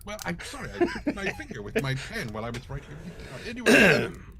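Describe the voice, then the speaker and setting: A man's voice: high-pitched, huge pitch swings, fast talker, vocal fry, crowd noise, full character voice. A man playing a fussy, easily wounded doctor sidekick in a live comic radio play, blustering and hesitant with muttered asides. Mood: flustered. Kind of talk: live comic cold-read of 1940s radio drama.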